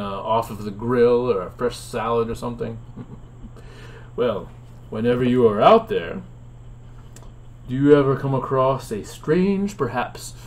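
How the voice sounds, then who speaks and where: A man's voice: mid-range voice, a little mellow. A man hosting a playful educational explainer, asking dramatic questions and chuckling often, with hesitant fillers. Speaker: host. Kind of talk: educational explainer about insects.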